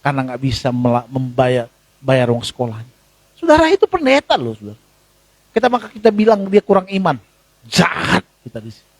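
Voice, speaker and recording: A man with an Indonesian accent preaches to a church congregation a little fast, his voice showing vocal fry. He is conversational and animated, jumping up into high exclamations and falling into low asides, with no echo in the audio.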